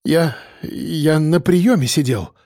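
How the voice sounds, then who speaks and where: A man's voice: on the high side, big pitch swings, slightly rough, no echo, clean studio sound, exaggerated voice. Man playing a stammering frightened doctor. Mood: mumbling. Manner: stammering, hurried. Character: frightened middle-aged male doctor, stammering.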